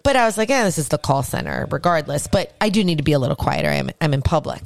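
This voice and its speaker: A woman, a podcast co-host telling an animated story and acting out both sides of each conversation. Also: sits low, fast, no room sound. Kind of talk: casual chat.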